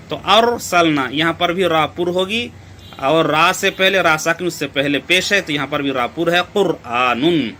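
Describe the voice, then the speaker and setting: A man teaching Quran recitation rules step by step. He explains slowly, repeats himself and keeps asking rhetorical questions. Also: fairly high pitch, pushed and bright, slight background noise. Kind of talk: step-by-step tajweed lesson.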